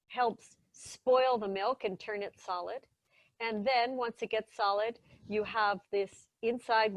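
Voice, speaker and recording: Talking about how cheese gets made, a cheese expert presenter shares her enthusiasm in a chatty, casual way over a video call, regularly backtracking to correct herself mid-sentence. She has a medium-pitched voice and there's no echo.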